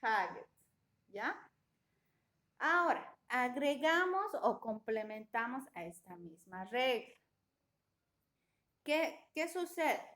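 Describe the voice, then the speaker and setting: Slow, deliberate woman teaching grammar. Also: a little high, a bit bright. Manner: slow and deliberate, often checking with a questioning "¿ya?". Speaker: English teacher. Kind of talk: classroom grammar lesson.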